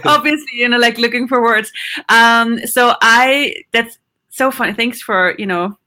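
A middle-aged woman from Austria speaks as an interview guest. Her voice is bright and clear, and she talks animatedly, laughing often and pausing to search for words. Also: on the high side. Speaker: psychologist guest. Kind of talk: conversational interview.

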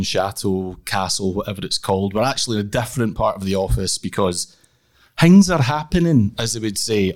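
A man hosting a podcast in a casual, wry chatty way, recorded in an echoey office room. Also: on the low side. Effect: echoey office room sound. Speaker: podcast host. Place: office room, not the usual studio.

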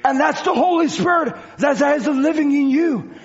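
A man speaking at normal speed in a very high, creaky voice preaches a church sermon with non-native English phrasing. He repeats and exhorts fervently, going back and forth between shouting and quieter tones, on a dull lo-fi recording.

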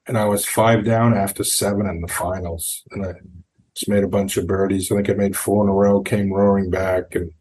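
Husky-voiced man telling golf stories. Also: sits low, little pitch movement, moderate pace, darkish tone. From New Hampshire, USA. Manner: rambling anecdotal storyteller, acts out quotes. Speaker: guest, golf coach. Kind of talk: storytelling in an interview.

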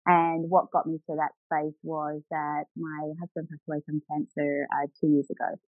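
A woman's voice: deep voice, flat delivery, normal speed, no echo, faint music behind. Middle-aged woman, dull lo-fi sound. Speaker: guest, grief recovery coach. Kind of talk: personal storytelling in an interview.

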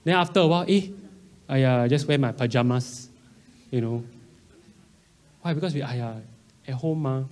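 A man's voice: medium pitch, normal speed, long pauses, a little mellow. A man in his early thirties with a Singaporean accent, giving a conversational sermon in colloquial Singlish, full of local particles and slang. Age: early 30s. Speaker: preacher.

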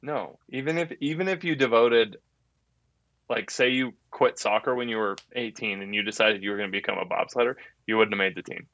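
A man's voice: fairly low pitch, brisk, a bit bright, muffled recording. A young man co-hosting a podcast in casual chat, teasing and blunt with his friend. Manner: teasing, blunt, laughs easily. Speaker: podcast co-host.

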